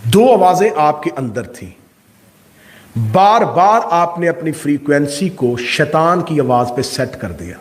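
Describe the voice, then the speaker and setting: A male Shia cleric giving a majlis sermon, oratorical and full of rhetorical questions, swinging from loud peaks to hushed asides. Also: fairly high pitch, sing-song. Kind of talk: majlis sermon to a live congregation.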